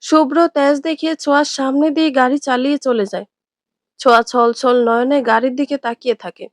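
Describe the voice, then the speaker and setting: A woman storyteller reading a dramatic story aloud in a steady narrating voice. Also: high-pitched, a little fast, dry recording, studio quality.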